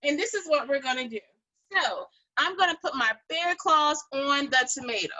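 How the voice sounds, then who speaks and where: A woman's voice: high voice, expressive, moderate pace, pushed and bright, rough recording. A woman cooking teacher giving children a step-by-step demonstration in an instructive, encouraging way, repeating key phrases. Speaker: kids' cooking school teacher and host.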